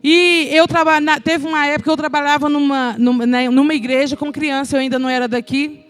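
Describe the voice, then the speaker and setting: A woman's voice: high-pitched, steady tone, a little fast. A middle-aged woman with a Brazilian Portuguese accent, telling an emotional testimony sermon and speaking to the congregation as brothers. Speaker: children's ministry speaker.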